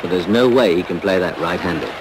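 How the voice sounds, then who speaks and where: Low-voiced male golf commentator, noisy course. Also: fairly quick. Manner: colourful golf commentator's play-by-play. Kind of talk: live televised golf commentary. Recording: noisy archive outdoor broadcast with crowd.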